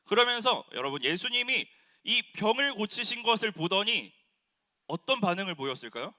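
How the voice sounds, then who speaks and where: A man preaching to middle schoolers as a youth pastor, lively and acting out the quotes while asking the audience questions. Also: high voice, moderate pace. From South Korea. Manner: animated, acts out quotes, asks the audience.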